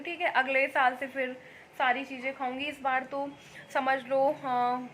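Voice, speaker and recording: A woman's voice: high voice, sharp tone, echoey room, a little hiss or hum, low-quality recording. A young woman vlogging at home, chatting casually in a meandering, homely way. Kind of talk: casual chat to camera. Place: indoors at home.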